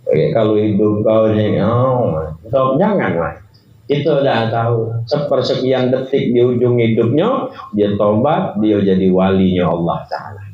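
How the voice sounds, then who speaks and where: A male preacher delivers an animated sermon at a religious gathering, telling stories with real energy. His voice bounces around a reverberant hall, and the recording sounds muffled and lo-fi. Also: a little slow. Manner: animated storytelling, voice rising high for quoted cries. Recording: echoey hall, dull lo-fi sound.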